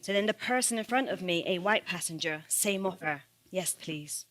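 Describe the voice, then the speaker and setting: A woman's voice: medium pitch, a little fast, a bit bright. Earnest woman giving a speech. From United Kingdom. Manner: earnest, rhetorical, with a repeated refrain. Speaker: assistant principal giving a talk. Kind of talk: personal storytelling speech.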